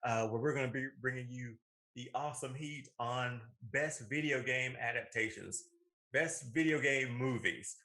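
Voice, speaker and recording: Here a man in his thirties trades casual banter as co-host of a show about movies and video games. His voice sits at medium pitch with a sharp tone and a moderate pace, and his informal talk tends to double back on itself.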